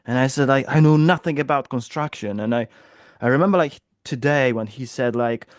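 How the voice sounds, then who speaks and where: A man in his thirties, a Polish-accented business coach from Poland, chats brightly as an interview guest from his London home office, using lots of filler words. His voice is medium in pitch and a little fast. The sound is clean, studio-grade and free of room sound.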